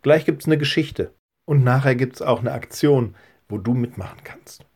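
Friendly pastor talking to children. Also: male voice, medium pitch, normal speed, darkish tone, slightly rough. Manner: friendly, addresses children directly. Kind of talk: children's church audio and storytelling.

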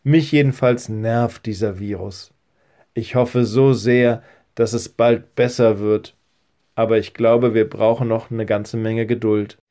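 A man's voice: lowish voice, steady tone, measured pace, dark tone. Male pastor, friendly children's host and storyteller. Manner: friendly, addresses children directly. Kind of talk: children's church audio and storytelling.

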